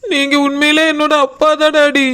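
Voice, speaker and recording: Cartoon young wife, voiced by a woman, meek and tearful, high and monotone. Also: normal speed. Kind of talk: cartoon voice acting.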